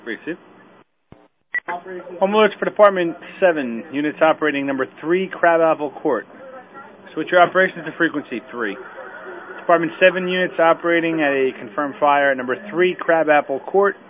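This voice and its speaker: A man's voice: on the high side, brisk. Man dispatching over a walkie-talkie. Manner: clipped, formal dispatch phrasing. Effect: heard over a walkie-talkie radio. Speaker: fire dispatcher. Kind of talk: radio dispatch calls. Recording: tinny two-way radio transmission.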